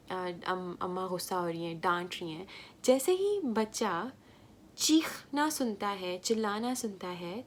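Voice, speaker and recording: A woman's voice: medium pitch, slight background noise. A woman with a Pakistani Urdu accent giving an informal parenting talk in a conversational way, often checking in with the listener. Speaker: parenting educator.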